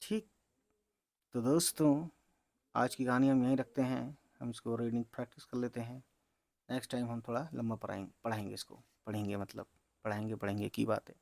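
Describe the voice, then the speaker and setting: A man teaching beginners to read Urdu, spelling words out letter by letter in a slow, patient way and talking to viewers as friends. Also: mid-range voice, steady tone, creaky, a little mellow, no room sound.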